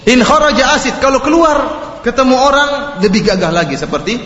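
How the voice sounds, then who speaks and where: A man preaching an Islamic lecture in an animated way, joking and acting out the people in his examples. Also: very high voice, a little fast. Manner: animated, jokes and laughs, acts out quotes. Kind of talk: religious lecture. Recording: echoey hall, dull lo-fi, faint noise.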